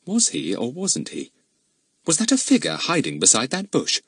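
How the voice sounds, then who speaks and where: Expressive male audiobook narrator. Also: on the high side, normal speed, vocal fry, husky, dry recording, studio quality. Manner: expressive, animated reading. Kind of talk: scripted storybook narration.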